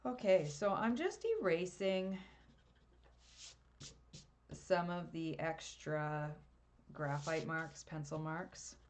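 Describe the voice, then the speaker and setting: A woman giving a live colored pencil drawing tutorial over a webcam, chatty and quick to laugh at herself. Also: deep voice, steady tone. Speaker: art teacher.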